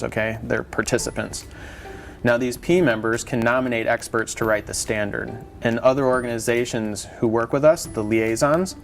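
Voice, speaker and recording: Casting: male expert presenter, average pitch, patiently walking a listener through a process conversationally, soft music underneath. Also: creaky. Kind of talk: semi-scripted explanatory dialogue.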